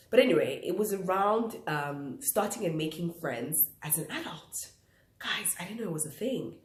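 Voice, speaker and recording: Casting: young female vlog host, low-pitched, nasal and croaky from flu, out of breath, chatting reflectively in an echoey room. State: congested with flu, short of breath. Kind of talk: casual reflective talk to viewers.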